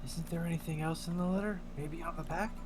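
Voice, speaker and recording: A woman's voice: lowish voice, steady tone, fairly quick, heavy background noise, natural voice. A woman voicing a teasing, curious young woman in a video game, in a casual, playful way. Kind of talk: hobby video game voice-over.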